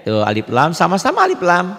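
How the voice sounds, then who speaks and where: A man's voice: sits high, huge pitch swings, fairly quick, vocal fry, fairly bright tone, in a large hall. A man teaching Quran recitation rules to beginners, explaining patiently, repeating points and asking rhetorical questions. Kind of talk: tajwid lesson for beginners.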